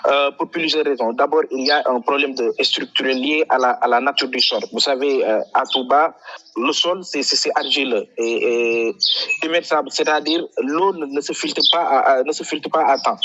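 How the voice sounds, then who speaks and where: A man from Senegal, answering interview questions about flooding in a halting way, full of fillers and repeated words. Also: medium pitch, fairly bright tone, low-quality recording. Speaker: flood prevention activist, guest.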